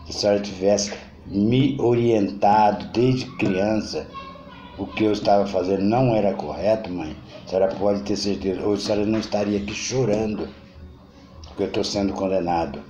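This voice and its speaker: A man voicing a grown son, just convicted, who bitterly blames his mother in a lower, quieter voice. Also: normal speed, slight background noise, close to an everyday voice. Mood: bitter accusing. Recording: dull roomy recording.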